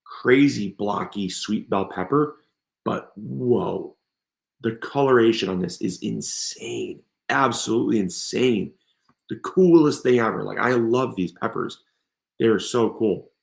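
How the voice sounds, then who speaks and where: Hosting a live stream product showcase for his gardening channel, a man gushes with enthusiasm about seeds and plants, his voice strained and worn from coughing. It's low, unhurried and gravelly, heard in an echoey room.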